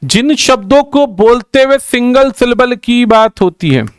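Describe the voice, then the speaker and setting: A man's voice: very high voice, animated, unhurried, clear, resonant tone, no room sound, studio quality. A male teacher explaining exam answers, repeating key points and calling his students "bhai" as he mixes in English grammar terms.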